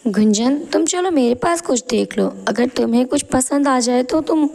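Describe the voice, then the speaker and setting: A woman's voice: sits high, normal speed, creaky. Meek, polite young bride, voiced by a woman. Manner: gentle, polite.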